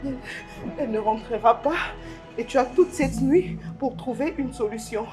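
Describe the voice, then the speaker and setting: A woman's voice: on the high side, moderate pace, a little mellow, soft background music, lightly acted. A young woman with a Congolese French accent playing an anxious, protective older sister who pleads and repeats herself. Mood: frantic, pleading.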